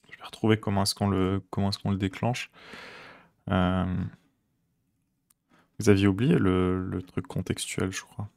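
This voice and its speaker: Low gravelly-voiced man coding live. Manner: relaxed, rambling, many fillers, chuckles often. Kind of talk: casual live-coding stream chat.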